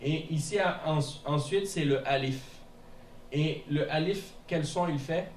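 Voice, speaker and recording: A man teaching a beginners' class in a mosque classroom, explaining patiently and repeating words slowly, often checking with "hein?". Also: fairly high pitch, a little mellow. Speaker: Arabic teacher. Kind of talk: classroom lesson. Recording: echoey room from a distance, faint noise.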